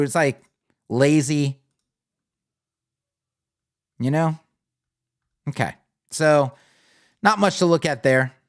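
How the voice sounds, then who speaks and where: A man hosting a live web design critique, talking bluntly and thinking aloud as he scrolls through sites. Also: a little high. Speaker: web design show host. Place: home studio with lights on.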